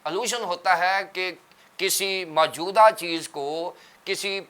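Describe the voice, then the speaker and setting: A male pastor speaks in a somewhat high voice with a bright, forceful edge. His tone is smooth and crisp. He lays out ideas step by step like a teacher on a TV studio panel. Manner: teacherly, explaining terms step by step. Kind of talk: religious TV panel discussion.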